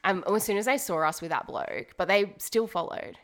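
A young woman co-hosting a podcast, telling a long story in a rambling, animated way full of fillers. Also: mid-range voice, moderate pace. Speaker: podcast co-host. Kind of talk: casual chat, storytelling. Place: home dining room.

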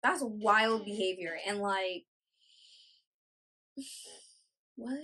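A woman's voice: mid-range voice, drawn-out words, pushed and bright, slightly rough. A young woman with a mid-range voice co-hosts a casual podcast. She speaks emphatically and leans on fillers as she talks. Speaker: podcast co-host. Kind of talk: casual chat.

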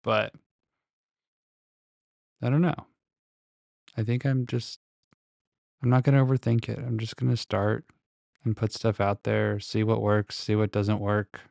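Deep-voiced man, slow and gravelly, close-miked. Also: little pitch movement, a little mellow, dry recording. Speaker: podcast host. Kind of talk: casual solo podcast monologue, rambling and reflective. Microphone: very close to the microphone.

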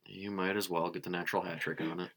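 Casual podcast co-host, male, Upper Midwest, very low and gravelly with a sharp edge, dry and crude humor. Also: flat delivery, fast. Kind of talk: casual sports chat.

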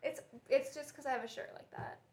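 A woman's voice: sits high, steady tone, fairly quick, a little mellow. A young woman chatting casually at a roundtable, easygoing and self-deprecating. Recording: roomy echo.

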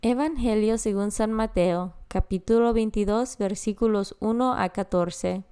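A woman reading the daily Bible readings and devotion in a measured, reverent manner for a prayer podcast. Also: mid-range voice, dark tone, clear, resonant tone. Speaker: podcast scripture reader.

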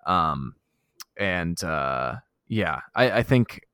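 A man's voice: low-pitched, very animated, sharp tone, clean tone, no room sound, studio quality. A man co-hosting a gaming podcast, chatting casually and swearing freely. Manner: casual, swears often, quick asides. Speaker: podcast co-host. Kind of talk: casual chat.

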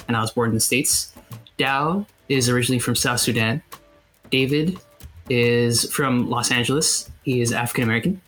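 A man co-hosting a podcast, telling the story in a measured way. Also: mid-range voice, pushed and bright. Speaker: podcast co-host. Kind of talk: casual podcast intro.

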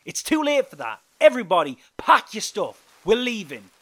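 A man voicing a stern, hot-tempered male gang leader, shouting his lines in angry outbursts. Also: a little high, lively intonation, moderate pace, pitched above the performer's own voice, full character voice. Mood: commanding.

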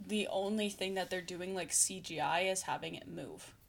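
A woman's voice: fairly low pitch, normal speed, gravelly. A woman co-hosting a casual podcast, talking enthusiastically with many fillers. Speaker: podcast co-host. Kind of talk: casual chat about a TV show.

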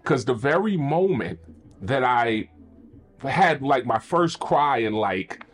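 A man hosting a podcast, telling a candid personal testimony with animated, preacher-like energy. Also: medium pitch, slow pace, faint music behind. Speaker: podcast host.

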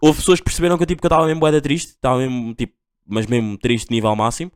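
A man's voice: medium pitch, fairly even intonation, rapid-fire, smooth, no room sound, studio quality. A young man with a Portugal accent hosting a casual solo podcast, rambling in slang with constant fillers. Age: young adult. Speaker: podcast host.

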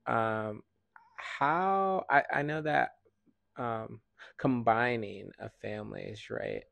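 A man co-hosting a podcast, talking in a thoughtful, measured, somewhat halting way. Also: medium pitch, vocal fry, fairly bright tone, no echo. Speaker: podcast co-host. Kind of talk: casual chat.

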